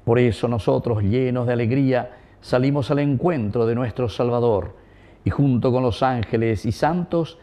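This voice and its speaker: A man's voice: mid-range voice, dark tone. Solemn man praying as a priest at Mass. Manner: solemn, measured, formal. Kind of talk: liturgical prayer recitation. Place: small indoor wood-panelled chapel. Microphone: lapel mic.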